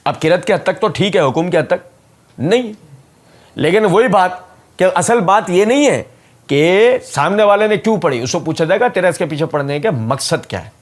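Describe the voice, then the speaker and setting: A man's voice: sits high, lively intonation. A man giving a polemical religious talk as a rebuttal, speaking in an emphatic, sarcastic, mocking way.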